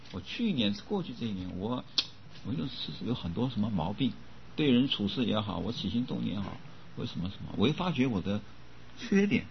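An older man giving a Buddhist dharma talk as teacher, often coughing and clearing his throat, repeating words as he goes. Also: a little high, a little hiss or hum. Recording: dull lo-fi recording.

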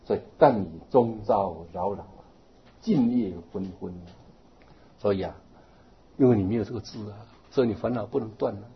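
A man giving a Buddhist Dharma talk, animated and rising to emphatic exhortation. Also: on the low side, normal speed, breathy edge, dull audio. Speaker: Buddhist teacher.

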